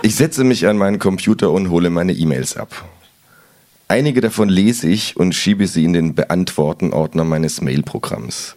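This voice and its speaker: A man hosting a podcast who reads his own humorous story aloud in a calm, deadpan way, then chats casually. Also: sits low.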